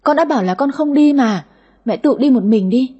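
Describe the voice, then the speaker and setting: A woman voicing a greedy, sulky daughter in her thirties with a high, whiny voice in an audio story. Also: expressive, normal speed, mellow, breathy edge, highs cut off, exaggerated voice. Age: 30s. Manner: whiny, cheeky.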